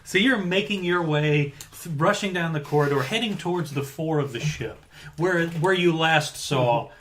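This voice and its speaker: A man's voice: fairly high pitch, normal speed, fairly bright tone, a little hiss or hum. A man narrating an improvised tabletop game as game master, searching for words as he goes.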